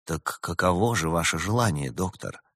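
A man voicing Ulysses, a polite, measured chairman figure in a read-aloud fairy tale. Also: low-pitched, animated, fairly bright tone, no echo, studio quality, exaggerated voice. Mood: courteous. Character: calm, courteous male chairman Ulysses.

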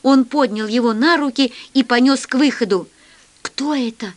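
A woman reading a children's story aloud with expressive storytelling. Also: high voice, normal speed. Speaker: narrator.

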